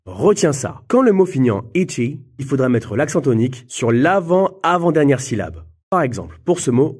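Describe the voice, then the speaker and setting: Husky man giving upbeat tips. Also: medium pitch, a little mellow. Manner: upbeat, addresses the listener informally. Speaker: English teacher presenting tips. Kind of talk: scripted educational video for teens.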